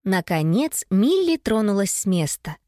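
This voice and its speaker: A woman narrating a children's audiobook in an expressive storytelling manner. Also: medium pitch, unhurried, no room sound, studio quality.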